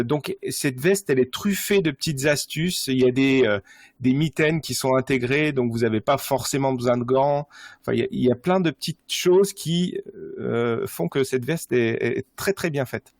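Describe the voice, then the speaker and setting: A man at an ordinary pitch walks through running gear in a relaxed podcast chat. He hesitates often and restarts his sentences. The recording is close and dry. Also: normal speed, dry recording. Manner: explanatory, many hesitations and restarts. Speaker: running gear expert guest. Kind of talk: casual podcast conversation.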